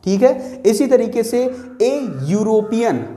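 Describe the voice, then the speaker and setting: A man's voice: high voice, expressive, takes it slowly, warm tone. Echoey male teacher explaining grammar. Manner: repetitive, asks and answers own questions. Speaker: English teacher.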